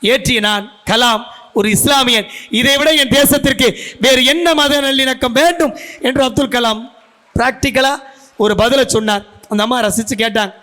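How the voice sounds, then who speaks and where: High, bright-voiced man orating on stage. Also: moderate pace. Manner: storytelling orator who asks the audience questions. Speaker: debate speaker giving a guest speech. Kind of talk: stage speech at a school function. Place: school function venue.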